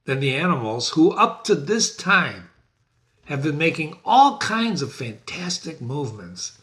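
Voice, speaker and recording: A man reads a stage play aloud at an unhurried pace, now and then adding casual asides to the listener. His intonation is animated and his tone bright and forceful. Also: on the high side. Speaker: reader. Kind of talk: dramatic reading of a play.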